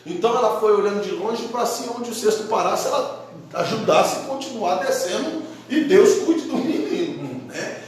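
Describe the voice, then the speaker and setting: A man with a fairly high voice tells a sermon as a lively, colloquial story, slipping into the characters as he goes. He is heard from far off, in a very echoey hall with heavy reverb. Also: normal speed. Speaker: pastor.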